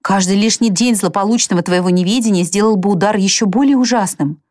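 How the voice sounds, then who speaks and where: A woman voicing a calm elder sister who speaks low and soft, steady and soothing. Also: fast talker, dry recording, clean studio sound, lightly acted. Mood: earnest.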